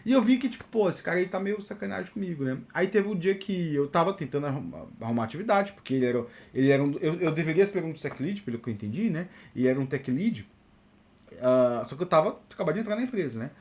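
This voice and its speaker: A Brazilian man hosting his own channel, telling stories from his software career in a loose monologue. His voice sits high and swings widely. He talks at a rapid clip and keeps checking in with a quick "né?". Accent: Brazilian Portuguese. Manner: animated, peppers talk with "né?". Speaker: software engineer and channel host. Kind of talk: casual storytelling monologue.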